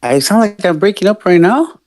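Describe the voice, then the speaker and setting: A man joking loudly in casual banter over a voice call whose audio keeps breaking up. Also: sits high, animated, normal speed, no room sound. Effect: breaking-up voice chat audio. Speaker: guest on a call.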